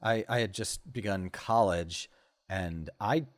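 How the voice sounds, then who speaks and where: A man's voice: fairly low pitch, takes it slowly, no echo. A man in his forties, a podcast guest, talking with enthusiasm and many stammering restarts in casual conversation.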